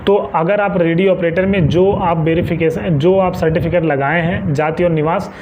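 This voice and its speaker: A man from northern India presents exam guidance, giving viewers informal advice and insistently repeating key points for emphasis. His voice is on the high side and darkish, with fairly even intonation at normal speed. The recording is muffled and lo-fi, with faint background noise.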